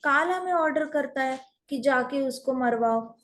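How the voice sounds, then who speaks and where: A woman's voice: sits high, unhurried. A woman playing a defensive female goddess of death who passes the blame upward.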